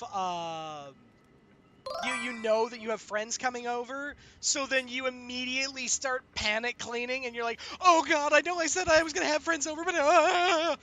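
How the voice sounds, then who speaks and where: Higher-pitched, bright-voiced male streamer. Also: slight background noise. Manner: animated, exclaiming when greeting viewers. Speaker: streamer host. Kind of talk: casual livestream chat to viewers.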